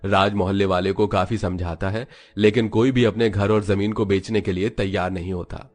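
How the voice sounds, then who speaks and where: A man narrating an animated moral story in a scripted, even storytelling way. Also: on the low side, moderate pace, faint music behind.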